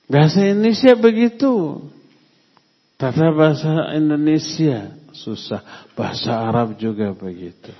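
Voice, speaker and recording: A middle-aged man giving a religious study lecture, unhurried and emphatic, putting questions to his audience. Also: a little high, lively intonation, husky. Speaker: Islamic teacher. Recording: long hall reverb, muffled lo-fi sound.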